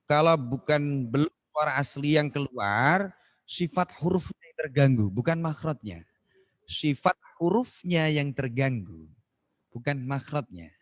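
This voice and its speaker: A man coaches Quran recitation, unhurried and somewhat high-pitched. He corrects his students patiently and sings out verses as examples. The call audio is dry and close. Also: no room sound. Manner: corrective, demonstrates recitation in slow drawn-out chant. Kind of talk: online Quran recitation lesson.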